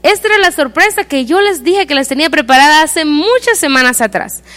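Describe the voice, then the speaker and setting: A woman's voice: sits high, animated, a little fast, fairly bright tone. A woman voicing a stern schoolteacher who warns a pupil, in a firm, warning manner.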